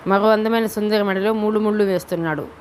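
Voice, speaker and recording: A woman narrating a novel as an audiobook, reading in a steady, deliberate way. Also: medium pitch, a little hiss or hum.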